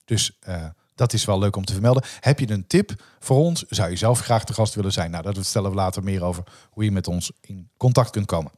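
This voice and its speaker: A man from Brabant with a soft G accent, co-hosting a casual podcast in an upbeat, welcoming way. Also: fairly low pitch, a little fast, few pauses. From Brabant, Netherlands. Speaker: podcast co-host. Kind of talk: casual chat.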